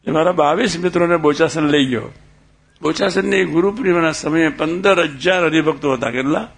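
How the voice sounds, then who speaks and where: A man's voice: on the high side, fairly quick, vocal fry, slightly rough. A man telling personal stories in a sermon, acting out dialogue and asking the listeners questions. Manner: tells anecdotes with quoted dialogue and asks the audience questions. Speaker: religious speaker. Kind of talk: storytelling sermon.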